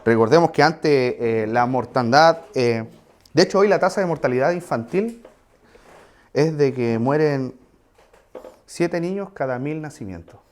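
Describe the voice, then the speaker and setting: A man delivers a sermon in an easy, conversational tone. He talks to the congregation directly, with asides and quick questions, at a middle pitch. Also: lively intonation. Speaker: preacher.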